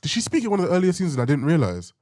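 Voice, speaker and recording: A man's voice: fairly high pitch, huge pitch swings, racing, darkish tone, dry recording. A man giving casual reaction commentary as host, musing aloud in informal language.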